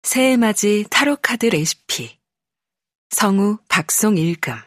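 A woman, a professional voice actor, reading an informative audiobook calmly and evenly, close on a studio microphone. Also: mid-range voice, takes it slowly, no echo. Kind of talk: scripted narration.

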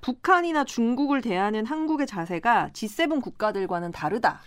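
A woman's voice: a little high, animated, a little fast, smooth. Woman reporter briefing the panel. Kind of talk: casual panel chat.

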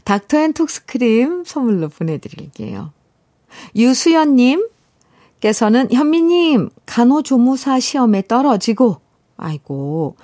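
A middle-aged woman hosts a radio show, her voice mellow and soft-edged. She reads listener letters and chats about them with playful teasing and easy laughter, close on a dry studio mic with no room sound. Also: on the high side, no echo. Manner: warm chatty, laughs often, teasing asides. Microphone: studio microphone.

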